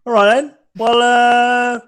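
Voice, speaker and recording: Casting: man acting out a blunt, irritable innkeeper for a tabletop game, jaw thrust forward, pitched up. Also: completely flat delivery, slow, fairly bright tone, smooth, heavily acted. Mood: irritated. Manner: jutting-jaw delivery, blunt. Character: gruff, irritable, foul-mouthed male tavern keeper. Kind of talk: tabletop game role-play.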